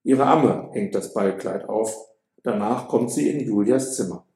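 A man narrating a story for an audiobook in a calm, measured way. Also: fairly low pitch, roomy sound.

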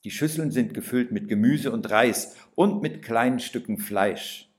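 A man calmly reading a first-person story aloud, gentle and unhurried, with a few lifted exclamations. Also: medium pitch. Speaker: narrator.

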